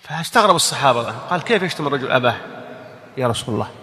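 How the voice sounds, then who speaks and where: A man's voice: mid-range voice, expressive, racing, pushed and bright. A man, a sheikh, giving a religious lesson. He explains hadith patiently, repeats key words and quizzes his listeners with questions. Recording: long hall reverb.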